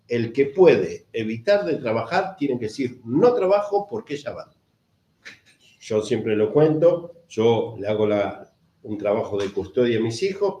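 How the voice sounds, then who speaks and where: A man with a Rioplatense Spanish accent delivers a teaching sermon in a mellow, warm tone. He repeats his phrases and keeps asking the congregation whether they follow. His voice rings in an echoey room. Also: mid-range voice. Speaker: preacher.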